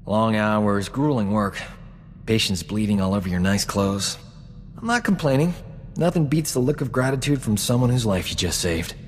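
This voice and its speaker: A low male voice with a breathy edge speaks at normal speed as a smug space doctor, a flirtatious companion character in a video game. The smooth-talking frontier adventurer's confident banter echoes with long hall reverb over game music.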